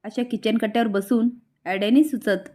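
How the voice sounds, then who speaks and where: A woman reading the lines of a scheming young sister-in-law in a serial recap, with a cunning, sharp way of speaking. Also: fairly high pitch, fairly even intonation, fairly quick, lightly acted.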